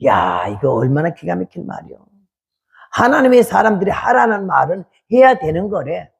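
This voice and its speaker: A woman's voice: lowish voice, sing-song, normal speed, vocal fry, breathy edge. A woman in her eighties gives a testimony sermon as a missionary preacher, speaking emphatically with repeated rhetorical questions. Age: 80s.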